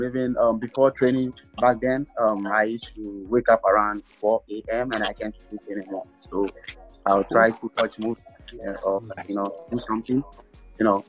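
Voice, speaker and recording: Man, pro forward, relaxed and low, muffled lo-fi audio. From Ghana. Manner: relaxed, explains things slowly with many "you know"s. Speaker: professional soccer forward. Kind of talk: casual video-call chat. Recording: slightly dull lo-fi audio.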